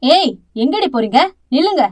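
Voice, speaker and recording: A woman's voice: sits high, very animated, moderate pace, a little mellow. A woman voicing a fierce, domineering middle-aged aunt who scolds with harsh contempt, in an audio novel. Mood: harsh scolding.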